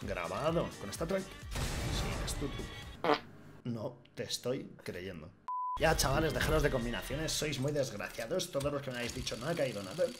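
A man's voice: medium pitch, expressive, normal speed. Young guy from spain opening cases on stream, cursing a lot, voice jumps all over, music going behind. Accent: Spain Spanish. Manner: swears a lot, swings from grumbling to shouting. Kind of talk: excited gaming commentary. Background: background music.

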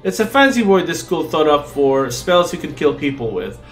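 A man's voice: on the high side, very animated, normal speed, a bit bright, soft background music. A man voicing a blunt, dismissive combat-magic student in a fantasy game.

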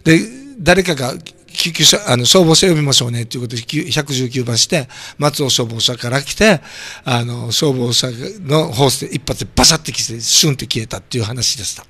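A hoarse man with a throat cold hosting a community radio show, chatting casually and joking while reading listener comments. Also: medium pitch, fast, sharp tone, no echo. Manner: chatty, jokey, reacts to comments aloud. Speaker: radio host.

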